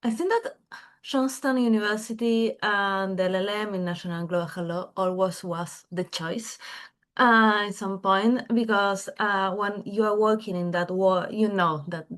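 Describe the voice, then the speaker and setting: A woman from Argentina with an Argentine accent and Spanish as her first language, speaking as a webinar panelist in halting phrasing with fillers. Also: medium pitch, a bit bright.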